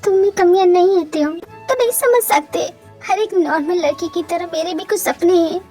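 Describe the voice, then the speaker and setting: A woman's voice: very high voice, normal speed, mellow, soft background music. A woman voicing a grieving young wife in a fan audio drama, tearful and pleading. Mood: anguished.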